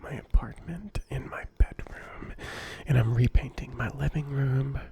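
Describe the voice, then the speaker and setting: An adult ASMR creator whispering softly and affectionately to viewers, repeating words over and over. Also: mid-range voice, unhurried, gravelly, background noise. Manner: soft and affectionate. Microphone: close microphone.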